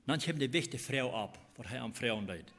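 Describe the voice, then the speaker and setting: A man preaching a sermon in a voice of middling pitch. He explains scripture haltingly and often goes back over his phrases. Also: animated, fairly bright tone, slight background noise.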